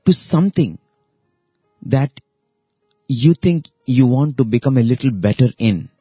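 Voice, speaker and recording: A man hosting a radio show, giving a reflective spiritual talk in a slow, deliberate way with long pauses. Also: medium pitch, breathy edge, no echo, dull audio. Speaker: radio host.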